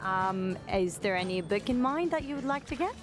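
An upbeat, chatty woman reporter interviewing visitors at a book fair. Her voice sits at a middle pitch, and music plays clearly in the background. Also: animated, moderate pace. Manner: upbeat, chatty, laughs easily. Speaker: roving reporter. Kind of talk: vox-pop interviews.

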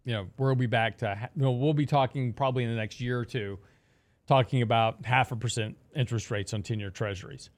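A man's voice: mid-range voice, steady tone, fairly quick. A middle-aged man hosting a casual financial talk show, explaining with rhetorical questions and asides. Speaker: radio show host.

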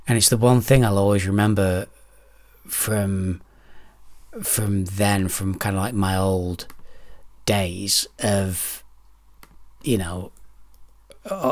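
A man in his thirties with a fairly low voice hosts a casual solo podcast. He speaks in a hesitant, rambling way, putting himself down and swearing freely as he chats to listeners. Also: dry recording. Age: 30s. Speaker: podcast host. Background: clicking of discs being handled.

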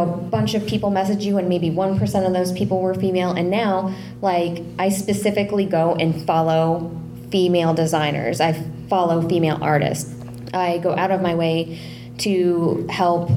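A woman talks as a panelist in a casual discussion. Her voice sits a little low and she sounds earnest. A noticeable hum and background noise run under her speech.

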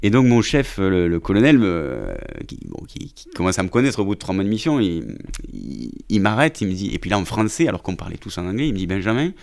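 A man, an army officer, telling a story in an interview with a gravelly voice and many hesitant restarts and fillers. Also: sits low, very animated, a little fast, a little mellow. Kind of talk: conversational storytelling.

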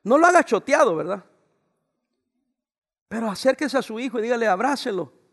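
Man, pastor, fifties, high voice, gravelly edge, loud preaching then hushed asides. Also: expressive, moderate pace. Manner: preaching with raised voice, swinging to soft asides. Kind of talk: sermon. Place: church. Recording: long reverb of a church hall.

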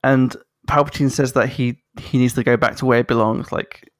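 A man chatting casually as a podcast host, animated, swearing freely and laughing through his sentences. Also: medium pitch, normal speed, no room sound, clean studio sound. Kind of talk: casual chat.

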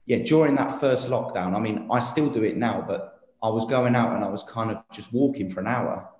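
A young man in his late twenties talks openly as an interview guest, rambling and earnest, circling back with fillers and restarts. His voice sits fairly low, and the room rings around him with noticeable echo. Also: fairly quick, a little mellow. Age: 20s. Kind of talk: casual interview talk.

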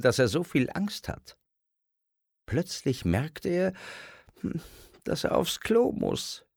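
A man reading a children's story aloud in an expressive storyteller style. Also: mid-range voice, gravelly, slightly rough, no echo, clean studio sound. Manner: expressive, acts out voices.

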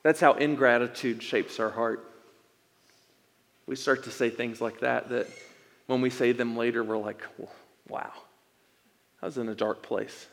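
A man in his thirties, a pastor, preaching a sermon as a personal story, moving between loud emphatic lines and soft, intimate ones. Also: medium pitch, fairly even intonation, a little slow, creaky, pauses often. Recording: long hall reverb.

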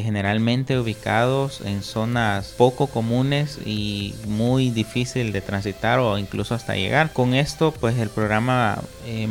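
A man's voice: medium pitch, gravelly. A man, a foundation representative answering radio interview questions with many hesitant fillers. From El Salvador.

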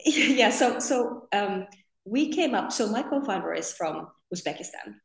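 A woman's voice: mid-range voice, animated, measured pace, creaky. A woman from Finland, co-founder of a podcast company, chatting in an interview with a rambling, filler-heavy manner. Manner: chatty, rambling, full of "you know" fillers. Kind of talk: casual interview talk. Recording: roomy echo.

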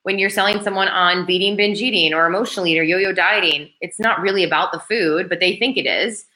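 Guest spot: chatty woman coach, low-ish voice with a bright, forceful edge. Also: fast. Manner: chatty and animated, full of "like" fillers. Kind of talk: casual podcast chat.

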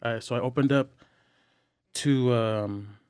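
A man's voice: mid-range voice, fairly even intonation, a little mellow, smooth, no room sound. Earnest young man with a dry sound. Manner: earnest, halting with frequent fillers and restarts. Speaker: podcast guest. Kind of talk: candid personal sharing.

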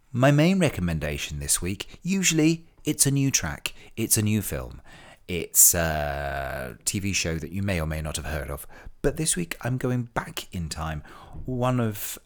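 A man hosting a podcast in a chatty monologue, theatrical and effusive, drawing out words. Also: a bass voice. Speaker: podcast host and stage performer.

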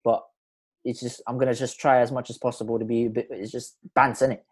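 A male podcast host chats casually in a London roadman accent. His voice sits at a middle pitch, and he talks in loose street slang, often doubling back on his phrases. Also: flat delivery, quick pace, a little mellow, breathy edge. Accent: London roadman, urban slang. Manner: slangy, informal, repeats himself.

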